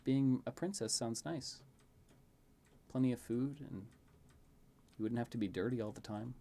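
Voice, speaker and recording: A man playing a kindly, protective knife-thrower uncle in a tabletop role-play, gentle and reassuring. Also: medium pitch, moderate pace, creaky, a little hiss or hum, close to an everyday voice.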